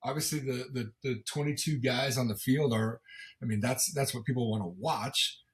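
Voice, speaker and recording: A middle-aged man with a gravelly smoker's rasp chats casually as a sports interview guest, often repeating words as he goes in a folksy, self-deprecating way. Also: mid-range voice, moderate pace. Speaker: football commentator and former coach, as guest.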